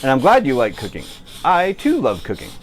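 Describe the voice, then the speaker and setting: An American man hosts a casual cooking livestream from his kitchen, chatting and joking as he answers viewers while he works. His voice sits at medium pitch with wildly swooping intonation, and he talks a little fast.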